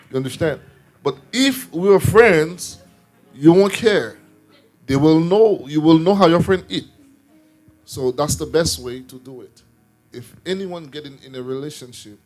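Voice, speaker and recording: Minister guy telling his own story, kinda high voice, repeats himself a lot, music quiet behind. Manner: earnest storytelling with repeated words. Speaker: apostle and minister. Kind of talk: personal testimony in a ministry talk.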